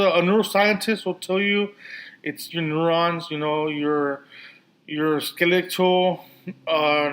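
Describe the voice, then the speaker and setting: A man's voice: on the high side, a bit bright, poor audio. A man with a somewhat raised voice and a lisp, hosting a casual solo podcast. His words slur a little as he rambles, circling back on himself with frequent restarts and fillers. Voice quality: lisp and slurred speech. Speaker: podcast host.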